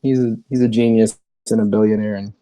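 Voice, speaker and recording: A man's voice: lowish voice, flat delivery, fast, dark tone. A man chatting casually as a podcast co-host, with a laid-back, easygoing way of talking and some cursing. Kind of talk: casual chat.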